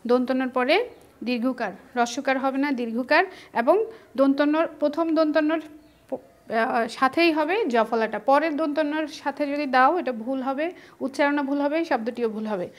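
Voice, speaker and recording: A woman's voice: high voice, moderate pace. A woman teacher with a Bangladeshi Bengali accent, patiently explaining spelling step by step in an online class.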